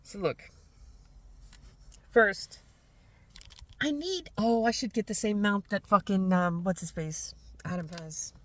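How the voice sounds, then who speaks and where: A woman's voice: mid-range voice, slow pace, pauses often, slight background noise, rough recording. A woman vlogger delivering a heated, blunt, profane rant straight to camera. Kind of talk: ranting monologue to camera.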